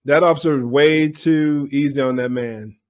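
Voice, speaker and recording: A man's voice: medium pitch, steady tone, moderate pace, background noise. A man giving opinionated commentary on a police video, speaking bluntly and directly to his viewers.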